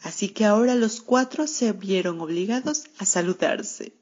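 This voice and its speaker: A woman reads a storybook aloud at a middle pitch, her narration wry and sardonic. The radio recording sounds dull and lo-fi. Her delivery stays dry and mocking. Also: normal speed, a little mellow, husky. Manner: wry, sardonic first-person narration as a cat.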